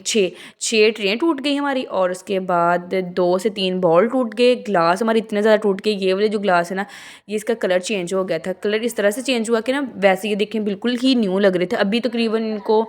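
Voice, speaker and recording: Young woman, from Pakistan, vlog voice-over, casual rambling story, chatty, tired from talking, middle pitch. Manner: rambling and chatty, with frequent restarts and asides. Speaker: vlogger.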